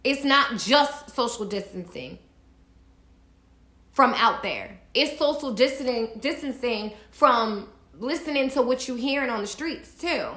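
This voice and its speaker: A woman's voice: a little high, expressive, a little slow, sharp tone. A woman vlogging from home, giving emphatic, preachy spiritual advice straight to her viewers and swearing casually. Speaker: astrology vlogger. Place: indoors at home. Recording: echoey room.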